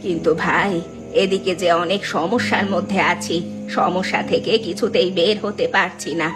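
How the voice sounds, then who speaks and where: A soothing old village granny, voiced by a woman in a cartoon, speaking in a low, gentle, motherly way. Music plays under her lines. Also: steady tone, normal speed, natural voice. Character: kindly old village woman, the grandmother figure. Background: background music.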